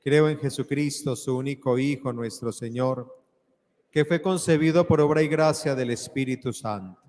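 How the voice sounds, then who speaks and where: A man's voice: mid-range voice, moderate pace, a little mellow. Solemn male priest in cathedral echo. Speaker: priest presiding at Mass. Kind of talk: solemn liturgical homily and prayer. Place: large church, live Mass. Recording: echoey church hall with long reverb.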